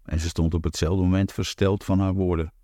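Deep-voiced man, calm audiobook narrator. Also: fairly quick, no room sound, clean studio sound. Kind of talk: scripted narration.

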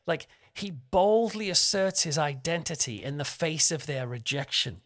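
A man's voice: on the high side, unhurried, fairly bright tone. A young man giving a conversational, self-deprecating devotional talk as a preacher. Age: young adult.

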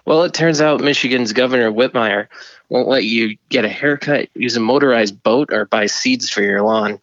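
A man's voice: mid-range voice, normal speed, fairly bright tone, no room sound, dull audio. A man playing a flustered, stammering mission control operator, heard over a radio link in a comedy skit.

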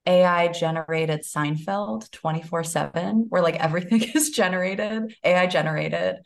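Low-voiced woman therapist, chatty podcast co-host. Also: normal speed, creaky. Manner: chatty, laughs often, uses fillers. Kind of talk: casual podcast chat.

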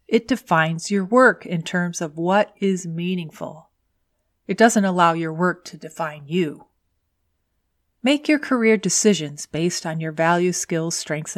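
Woman giving tidy podcast career advice, lower-pitched. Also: dry recording, studio quality. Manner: tidy, orderly, instructional delivery. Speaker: podcast host and career coach. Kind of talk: scripted solo advice podcast narration.

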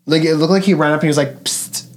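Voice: medium pitch, rapid-fire. A podcast co-host chatting casually while watching a movie, full of sarcastic asides.

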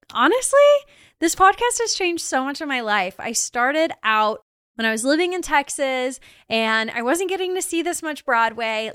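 A woman's voice: high-pitched, a bit bright, smooth, no echo, clean studio sound. Bubbly, chatty woman in her mid-twenties. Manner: chatty and bubbly, full of "like" and quick laughs. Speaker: podcast host. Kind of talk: casual solo podcast recap.

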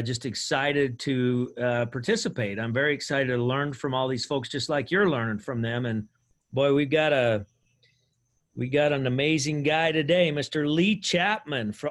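A man hosts an interview podcast in an upbeat, chatty way. His voice sits at a middling pitch, and he rambles a little, often restarting his sentences. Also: normal speed, a bit bright. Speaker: podcast host. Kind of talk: casual interview hosting.

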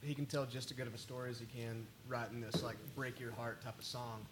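A man's voice: mid-range voice, little pitch movement, fairly quick, heavy background noise. A man chatting casually, laid-back and blunt, with some swearing. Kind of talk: casual chat.

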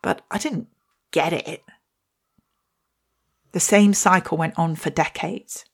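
Speaking slowly in a lowish voice with a breathy edge, this woman, a poet who hosts a podcast, reflects on a personal story and reads one of her poems, poking wry fun at herself.

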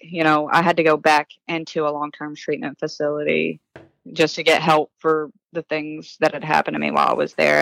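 A woman's voice: low voice, vocal fry, a bit bright, no echo, poor audio. Woman, podcast guest, earnest, matter-of-fact, casual interview, dry sound.

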